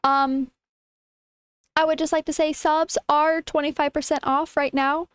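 A woman's voice: sits high, level tone, measured pace, no echo. A young woman livestreamer chatting casually to her viewers in a cutesy, informal, affectionate way. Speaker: livestreamer, VTuber.

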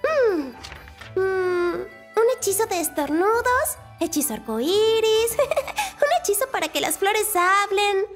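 Very high, lively little cartoon girl magician. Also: takes it slowly, exaggerated voice. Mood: eager. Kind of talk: children's cartoon dub acting. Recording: music behind.

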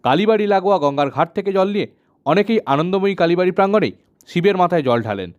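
A male news reporter with a West Bengal accent narrates a scripted report. He speaks very quickly in a slightly high voice. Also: expressive, dull audio.

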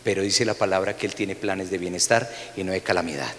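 A man with a Colombian Spanish accent preaching a sermon as pastor, dropping to soft low asides and rising to raised, exclaiming peaks. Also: steady tone, fairly quick. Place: church sanctuary. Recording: long hall reverb of a church.

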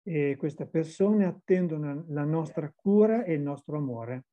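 A woman's voice: low-pitched, lively intonation, unhurried, mellow. A woman interpreting a teacher's words into full sentences, with small restarts. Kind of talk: consecutive interpreting into Italian.

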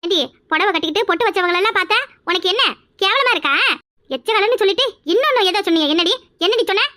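A woman voicing a loud, quarrelsome middle-aged village woman in a cartoon, with a scolding, rapid-fire way of talking. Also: extremely high pitch, lively intonation, heavily acted. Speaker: cartoon character. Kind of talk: cartoon voice acting.

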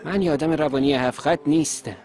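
A man's voice: fairly high pitch, a little mellow, faint music behind, lightly acted. A man dubbing a hot-tempered young male boxer, speaking in a curt, irritable way. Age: young adult. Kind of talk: dubbed TV drama dialogue.

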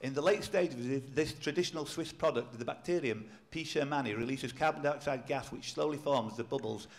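A man's voice: mid-range voice, brisk. A man hosting a pub quiz, reading questions aloud with dry, teasing asides. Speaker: quizmaster. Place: pub function room.

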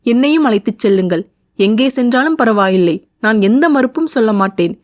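A woman's voice: a little high, expressive, fairly quick, voice pushed up, lightly acted. A woman voicing a young heroine in an audio novel, tearful and pleading with her beloved.

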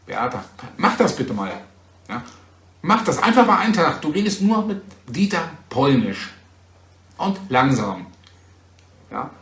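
A man's voice: mid-range voice, fairly bright tone, roomy sound. A German man hosting a livestream from home, chatting casually with viewers in a teasing, talkative way and often checking back with "ja?". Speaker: livestream host. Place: home in Poland. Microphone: phone.

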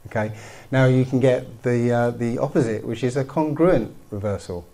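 A man explaining a concept to an audience in a measured way. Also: medium pitch, mellow.

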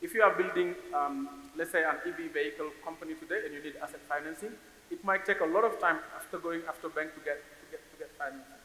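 A fairly high, steady, bright and forceful voice belongs to a Senegalese man in his forties, an investor on a conference panel, who talks fast. He is thoughtful and keeps repeating words while searching for his next phrase. The large hall stage and stand-mounted mic give roomy reverb with a faint hiss.

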